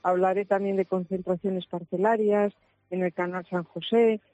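A woman's voice: mid-range voice, fairly even intonation, moderate pace, mellow, dry recording, dull audio. A woman radio presenter in friendly on-air chat, previewing her segment. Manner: friendly, laughing easily.

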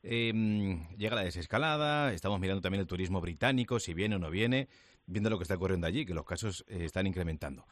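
A man hosts a radio program in a lowish voice. He talks fast and briskly and drops in filler sounds. The sound is close and dry. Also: no room sound. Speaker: radio host. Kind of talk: radio interview hosting.

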